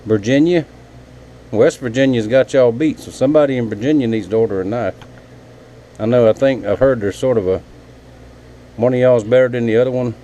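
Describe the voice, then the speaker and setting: A man's voice: medium pitch, a little fast, pauses often, warm tone, slight background noise, rough recording. A man, a knifemaker chatting casually and folksily to his viewers from his home workshop. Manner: rambling, folksy, talks to viewers as y'all. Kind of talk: casual vlog chat.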